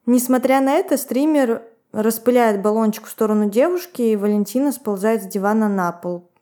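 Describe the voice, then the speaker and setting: A woman's voice: on the high side, brisk, dark tone. A woman co-hosting a podcast, retelling events and commenting with laughs. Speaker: podcast co-host. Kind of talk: podcast storytelling.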